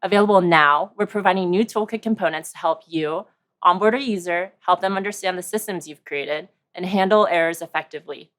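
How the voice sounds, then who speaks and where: Woman presenter, low-ish voice, reading a tidy scripted product talk. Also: a little fast. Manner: clear, steady, rehearsed delivery. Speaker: conference presenter.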